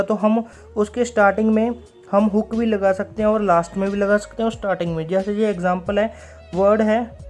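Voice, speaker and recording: A man teaching a recorded stenography class, explaining step by step, repeating key words and slowing down when he reads out rules. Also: sits high, a little mellow.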